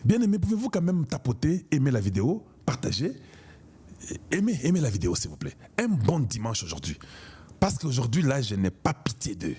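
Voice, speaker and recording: This online political commentator from Congo (DRC) has a dark, mid-range voice with a breathy edge and big swings in pitch. Talking a little fast, he gives a passionate, declamatory political monologue, driving his points home through repetition.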